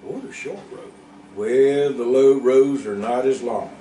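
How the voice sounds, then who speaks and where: A man narrating a folksy farm story at a slow, unhurried pace, stopping now and then to think. He sounds a bit away from the mic in a roomy space. A faint ambience hangs behind him. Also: medium pitch, mellow, far from the mic, a little hiss or hum. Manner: unhurried, thinking aloud with pauses.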